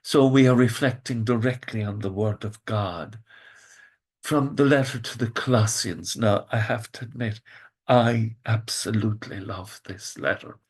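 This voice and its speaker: A man with an Irish accent giving a devotional reflection as a priest, reading scripture and commenting in a lilting, expressive storyteller manner with drawn-out emphasis. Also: fairly low pitch, breathy edge. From Ireland.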